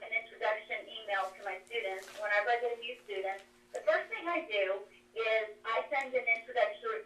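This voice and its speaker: A woman's voice: medium pitch, a bit bright. Woman, phone call, cave-like echo, far from the mic, methodical. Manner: methodical, explains step by step. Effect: cave-like echo over a phone line. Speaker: coach. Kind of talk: presentation on a conference call. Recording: echoey distant phone line.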